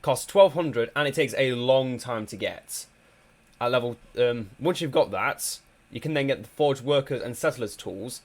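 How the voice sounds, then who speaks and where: A male gameplay commentator with a slight cold talks casually over a strategy game at a moderate pace in a mid-range voice. He hesitates a lot, filling gaps with ums and starting sentences over.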